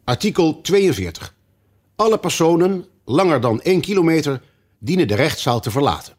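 A man voicing a pompous, flustered old king in a storybook reading, slow and solemn. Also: on the high side, big pitch swings, voice pushed up. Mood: proclaiming.

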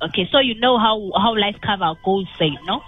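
A woman's voice: mid-range voice, a little fast, crowd noise. A woman sales consultant chatting casually on a sales phone call. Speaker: sales consultant selling life cover.

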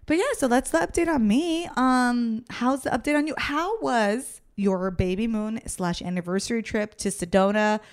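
A young adult woman co-hosting a podcast, chatting casually, playful and quick to tease. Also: on the high side, smooth. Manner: playful, giggly, quick with teasing remarks. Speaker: podcast co-host. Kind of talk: casual chat.

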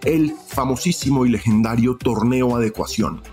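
A man's voice: mid-range voice, moderate pace, a little mellow. A man with a Colombian accent hosting a podcast, reading scripted football history in a storytelling way. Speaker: podcast host. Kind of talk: scripted sports-history narration. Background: music.

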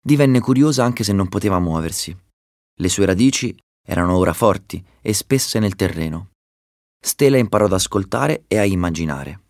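Deep-voiced male storybook narrator. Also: dry recording, clean studio sound. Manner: calm, measured reading. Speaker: audiobook narrator.

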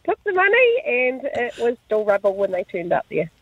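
A woman's voice: fairly high pitch, huge pitch swings, moderate pace, breathy edge, no room sound. Kiwi woman on a tinny phone line. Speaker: radio phone-in caller. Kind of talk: casual anecdote.

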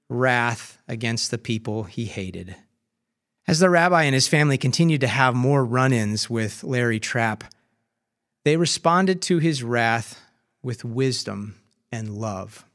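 A preacher giving a sermon, telling a story in a measured way. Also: male voice, mid-range voice.

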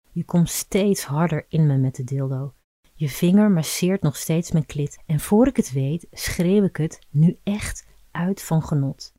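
A woman reading a story aloud as a podcast narrator, calm, even and intimate. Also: low voice, dry recording.

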